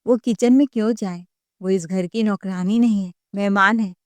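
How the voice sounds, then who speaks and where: A woman storyteller voices a spoiled younger brother who orders people about and turns indignant when challenged. Mid-pitched and dry, recorded close. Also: fairly even intonation, moderate pace, no echo, close to an everyday voice. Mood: demanding indignant. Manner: demanding, indignant. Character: spoiled demanding younger brother, adult man.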